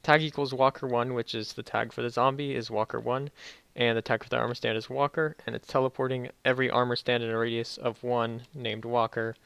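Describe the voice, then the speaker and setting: A man's voice: medium pitch, level tone, creaky, fairly bright tone, clear, resonant tone, no echo. Young man, sore-mouthed casual tutorial talk. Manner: halting, self-correcting explanations. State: sore mouth after wisdom teeth removal, slightly muffled careful speech. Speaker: tutorial video host. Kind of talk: casual off-the-cuff game tutorial commentary.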